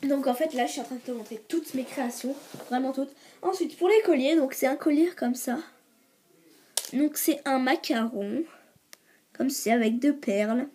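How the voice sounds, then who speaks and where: A teenage girl talks in a casual show-and-tell, stalling on fillers and repeating words as she searches for what to say. Her voice is slightly hoarse, pitched a little high and soft and mellow in tone. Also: moderate pace. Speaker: video creator showing her polymer clay creations.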